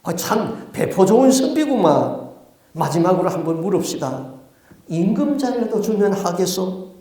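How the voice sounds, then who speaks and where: A man voicing an old Korean king in disguise who speaks low, hushed and unhurried, in a very echoey church hall. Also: big pitch swings, full character voice. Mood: amused, probing.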